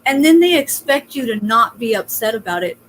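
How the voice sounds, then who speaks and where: A woman's voice: fairly high pitch, expressive, fairly quick, slight background noise, low-quality recording. A woman hosting an online interview, giving casual, supportive advice in a chatty way with plenty of fillers, heard over a video call. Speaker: host.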